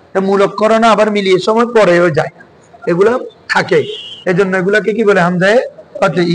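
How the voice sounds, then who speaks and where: A man's voice: high-pitched, slight background noise, rough recording. A male teacher, giving a classroom lesson and quizzing his students with repeated questions.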